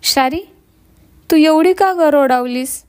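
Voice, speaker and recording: A woman voicing a gentle young village boy who speaks in a soft, consoling way. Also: high voice, slow, dry recording, pitched above the performer's own voice.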